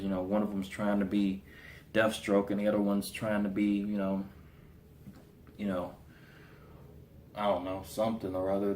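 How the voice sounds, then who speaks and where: A man giving a casual spoken review of a TV episode, slangy and animated, slipping into voices for the characters. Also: on the low side, slight background noise. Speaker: TV show reviewer. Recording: roomy echo.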